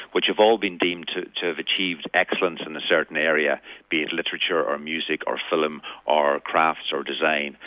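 Very deep Donegal man on the phone. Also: no room sound. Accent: Donegal Irish. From County Donegal, Ireland. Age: middle-aged. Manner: hesitant, repeats word starts. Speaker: arts manager, interview guest. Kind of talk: radio phone interview. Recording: muffled, tinny phone line.

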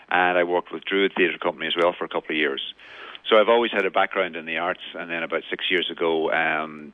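A man's voice: a bass voice, dry recording. A middle-aged man with a Donegal Irish accent being interviewed, hesitant and often repeating the starts of his words. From County Donegal, Ireland. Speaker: arts manager, interview guest. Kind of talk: radio phone interview. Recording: muffled, tinny phone line.

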